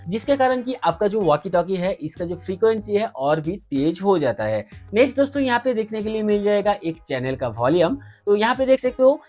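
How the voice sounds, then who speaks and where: Hosting a tech review channel, a man demonstrates a product to camera step by step, explaining in a friendly, instructional manner with recurring stock phrases. His voice is high and a little mellow, with faint music in the background.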